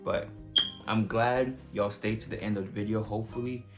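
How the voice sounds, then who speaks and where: A man's voice: fairly low pitch, steady tone, normal speed, music in the background. A young man from Nigeria telling his story to camera in a casual, joking, profane way. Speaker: vlogger.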